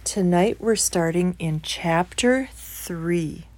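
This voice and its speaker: A woman reading a bedtime story aloud to children, hushed and sometimes dropping to a whisper. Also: fairly low pitch, slow pace, slight background noise.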